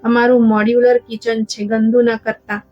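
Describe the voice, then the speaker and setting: A woman's voice: on the high side, little pitch movement, normal speed, dry recording, lightly acted. Woman reading as a snobbish mocking sister-in-law. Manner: mocking, dismissive. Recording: dull lo-fi with faint music.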